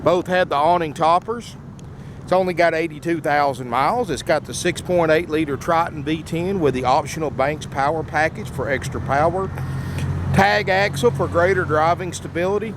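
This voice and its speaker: Slightly slurring higher-voiced salesman, numb from dentist. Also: steady tone, normal speed. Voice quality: slightly slurred speech from a numb mouth after dental work. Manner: folksy, often addresses viewers as "folks". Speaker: RV salesman presenting a used motorhome. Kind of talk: casual sales walkaround video pitch. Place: outdoors at an RV lot, then inside the motorhome. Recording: noisy outdoor handheld video, engine rumble. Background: running generator and air conditioners.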